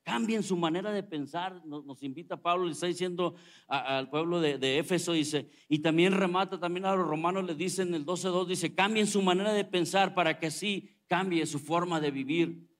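A man's voice: high-pitched, moderate pace. A middle-aged man preaching a sermon as pastor, conversational and joking with the congregation.

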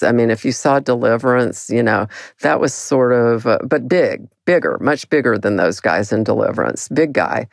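An older woman with a very deep, gravelly voice tells a personal story. She is animated and self-mocking, and her pitch jumps high at dramatic moments. The sound is dry and close, with no room around her. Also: no echo.

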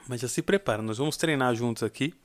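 A man's voice: medium pitch, quick pace. A young Brazilian man giving a casual singing lesson, explaining and singing short demo phrases. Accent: Brazilian Portuguese. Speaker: singing teacher.

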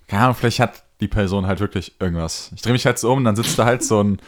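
A man's voice: lowish voice, fast talker. A young man casually telling a rambling anecdote on a podcast, full of slang and fillers. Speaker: podcast co-host. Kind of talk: casual storytelling.

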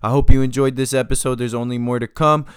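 Smooth-voiced laid-back male podcast host. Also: medium pitch, steady tone, fast talker, no echo, clean studio sound. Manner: laid-back, loose, with many fillers like "uh" and "yo". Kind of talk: casual outro monologue.

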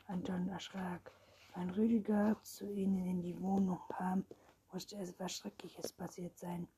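A woman narrating a children's storybook in a hushed, even whispered reading. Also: lowish voice, measured pace, slight background noise.

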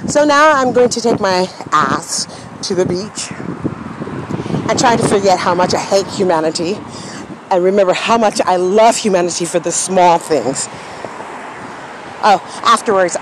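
Tipsy woman rambling on a busy street. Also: fairly low pitch. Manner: rambling, profane, storytelling. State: a little tipsy. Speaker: podcast host. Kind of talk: casual walking monologue. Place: outdoors on a city street. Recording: street noise with passing traffic.

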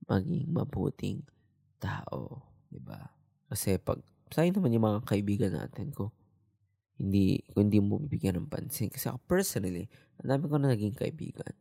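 A young man talks in a low, relaxed, reflective way, as if he were confiding in the listener. His voice is dark and gravelly with creak, and his pitch sits low. The sound is dry and close, with no room behind it. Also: normal speed, no room sound. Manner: soft, low, relaxed talk that mixes Tagalog and English, with frequent "di ba?". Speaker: vlogger. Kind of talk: casual reflective monologue.

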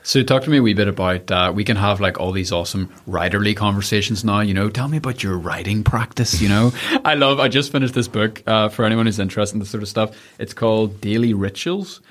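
A man's voice: lowish voice, fast talker, few pauses, a bit bright. A man hosting an interview, chatty and encouraging, with lots of "yeah"s for his guest. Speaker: podcast host. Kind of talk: casual interview chat.

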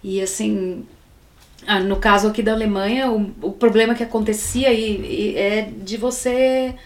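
Brazilian woman guest, thirties, mid-pitched and emphatic, recorded in an echoey room. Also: steady tone, normal speed. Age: 30s. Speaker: podcast guest. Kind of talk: casual interview chat.

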